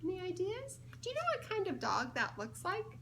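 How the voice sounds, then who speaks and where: A children's ministry director reads a picture book to young children in a very high, bright voice that swoops wildly in pitch, moving at a brisk pace. She playfully and gigglingly coaxes them to guess answers during story time. A little hiss or hum is audible.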